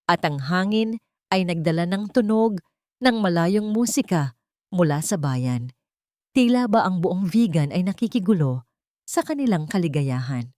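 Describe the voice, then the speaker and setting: Narrating an audiobook, a Filipino-accented woman reads a scripted, dramatic story in a voice on the low side with a darkish tone. The recording is studio quality, with no room sound.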